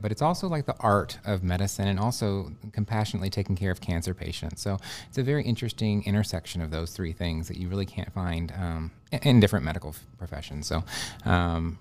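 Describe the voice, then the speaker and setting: A man's voice: fairly low pitch, darkish tone. A man in his thirties from Texas, a radiation oncologist guest answering interview questions earnestly, with many fillers and restarts.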